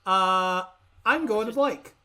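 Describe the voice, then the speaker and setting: A woman's voice: mid-range voice, slow pace, pushed and bright. A woman narrating as game master in a live tabletop game, chatty and giggly, rambling with restarts.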